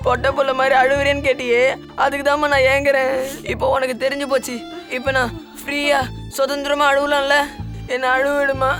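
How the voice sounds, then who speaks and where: A man's voice: extremely high pitch, fairly even intonation, brisk. An actor playing a young son who pleads earnestly and tearfully with his mother in a film drama. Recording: film soundtrack with music behind.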